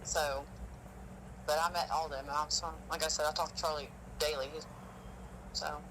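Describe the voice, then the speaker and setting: A man's voice: on the high side, level tone, normal speed, background noise. A man telling stories on a phone call in a rambling, emotional way. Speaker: witness. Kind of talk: casual phone conversation.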